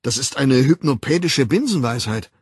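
A man's voice: mid-range voice, expressive, moderate pace, slightly rough, no room sound, studio quality, pitched above the performer's own voice. A man voicing a puzzled male scholar who asks surprised questions, in an audiobook. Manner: surprised, inquiring.

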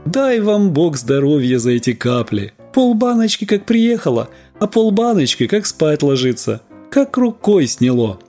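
A man voicing a flattering peasant woman of about thirty in a sing-song, fawning manner. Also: low voice, unhurried, few pauses, soft background music, voice pushed up, exaggerated voice. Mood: wheedling.

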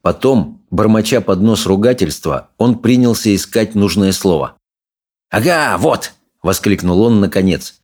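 A man narrating an audiobook in an expressive storytelling manner. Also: fairly low pitch, moderate pace, hardly any pauses. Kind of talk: scripted narration.

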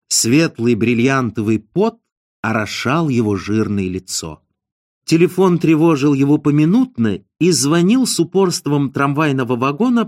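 A man narrating an audiobook in an expressive, ironic storytelling manner. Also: mid-range voice, dry recording, studio quality.

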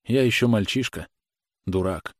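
A man voicing a young son who speaks quietly and apologetically. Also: on the low side, normal speed, no echo, studio quality, lightly acted. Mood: sheepish.

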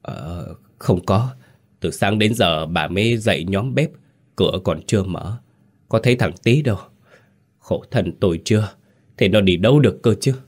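A man's voice: fairly low pitch, lively intonation, moderate pace, husky. A man voicing an old village grandmother who answers in a shaky, trembling voice. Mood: distressed.

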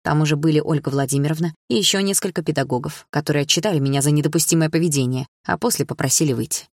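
A woman reading a first-person audiobook in a calm, measured, expressive way. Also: low-pitched, no echo, clean studio sound. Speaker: audiobook narrator.

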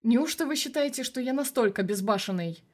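A woman's voice: a little high, animated, fairly quick, pitched above the performer's own voice. Wry, laid-back young male lead; woman reader, near her own voice.

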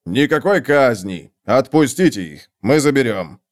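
A man voicing a grim foreign male sergeant who speaks slowly in short, broken phrases. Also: mid-range voice, very animated. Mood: menacing. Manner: slow, curt, broken speech.

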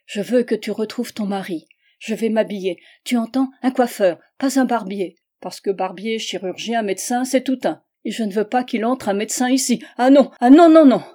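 A woman voicing a nervous husband just released from an asylum, speaking in jerky, agitated bursts that climb to loud cries. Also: mid-range voice, normal speed, close to an everyday voice.

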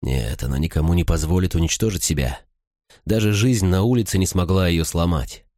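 Deep-voiced male audiobook narrator. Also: brisk, dry recording, clean studio sound. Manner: expressive storytelling. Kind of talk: scripted narration.

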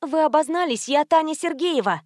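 A flustered young heroine pleads in a high voice, played by a woman narrating a storybook. The sound is dry and close. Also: animated, normal speed, darkish tone, no echo. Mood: pleading.

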